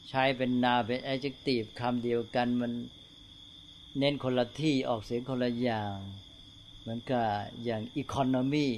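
An older male Buddhist monk giving a slow, unhurried talk to fellow monks, often checking in with tag questions. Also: medium pitch, a little hiss or hum.

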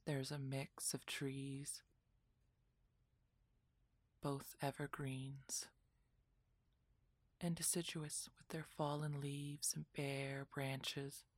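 A woman narrating a guided relaxation meditation in a soft, soothing, breathy voice that often drops into a whisper, like a spa session. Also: a bass voice, level tone, extremely slow, pauses often, no room sound.

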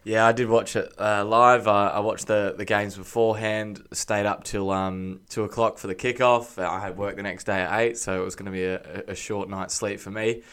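Low-voiced Australian man, enthusiastic football talk. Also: fairly even intonation, normal speed, hardly any pauses, a bit bright, smooth. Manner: enthusiastic, laughs easily, casual swearing. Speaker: podcast co-host. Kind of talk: casual football chat.

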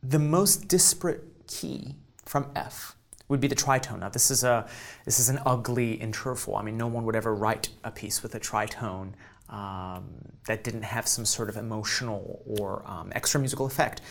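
A man giving a music lecture, speaking thoughtfully with frequent ums and pauses mid-phrase. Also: lowish voice, creaky. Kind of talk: lecture on baroque keyboard music.

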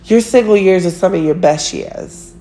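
A woman's voice: fairly low pitch, moderate pace, warm tone, soft background music. A woman, giving blunt relationship advice in a casual monologue, swearing freely and laughing at herself.

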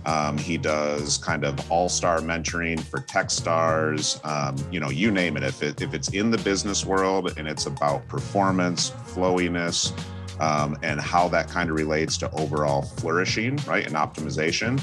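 Deep-voiced man hosting over music. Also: normal speed. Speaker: podcast host. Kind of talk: casual chat.

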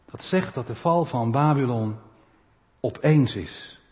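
A man from the Netherlands preaching a sermon as pastor, his voice swelling loud and then dropping to quiet asides, often tagging a "hè?" onto his points. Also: medium pitch, takes it slowly, long reverb tail, lo-fi sound. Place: church.

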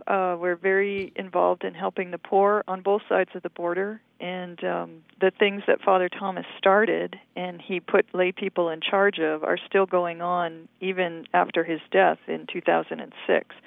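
A woman in her fifties from Hawaii, giving an earnest, steady account of her community's service work. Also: lowish voice, vocal fry, no echo. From Hawaii, USA. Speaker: lay community member in mission work. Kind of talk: interview, testimony. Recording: narrow phone-like sound.

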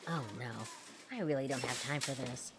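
A flustered, gushing woman gardener, acted by a woman in a comic audio play. She mutters fussy asides. Her pitch rises and falls with lively swoops. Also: normal speed, a little hiss or hum.

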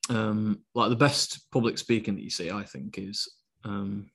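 Steady low-voiced man. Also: a little slow, gravelly, husky. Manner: steady, not very animated, hesitant with fillers. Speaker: podcast co-host. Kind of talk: casual podcast chat.

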